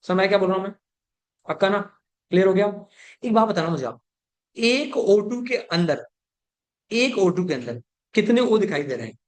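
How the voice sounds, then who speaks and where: A male chemistry teacher giving a classroom lecture. He keeps checking whether his students have understood, mixes English terms into his talk, and slows down to dictate before speeding up to explain. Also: high-pitched, lively intonation.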